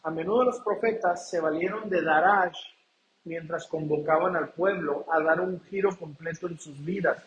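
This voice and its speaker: A man's voice: fairly high pitch, normal speed, slight background noise. A man from Mexico preaching a sermon, often calling out to the congregation and asking rhetorical questions. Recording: echoey church room.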